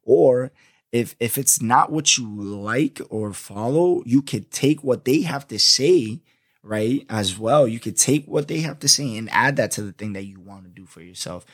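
A man's voice: medium pitch, lively intonation, a little slow, no room sound, studio quality. A young man from Florida with a Florida accent, hosting a solo podcast in laid-back, slangy talk. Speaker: podcast host.

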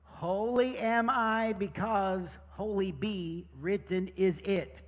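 Ein Mann spielt eine freche, heisere Handpuppe. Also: male voice, sits high, animated, normal speed, breathy edge. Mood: playful. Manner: joking, teasing. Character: cheeky male hand puppet Steve. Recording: dull, roomy church hall sound.

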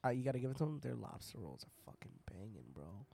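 Gravelly-voiced man joking on a podcast. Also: medium pitch, big pitch swings, warm tone. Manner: joking, swearing, quick banter. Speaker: podcast co-host. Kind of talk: casual chat.

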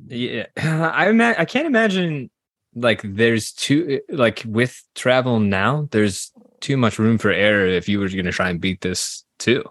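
Animated, laughing podcast host man. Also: medium pitch, measured pace. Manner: laughs often, animated and joking. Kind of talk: casual chat among friends.

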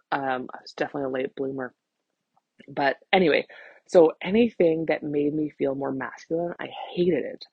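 A woman in her thirties, a podcast host and vocal empowerment coach, talks on her casual solo show in a low, gravelly, husky voice. The recording has no room sound and the highs are cut off. She rambles candidly, pokes fun at herself and swears freely.

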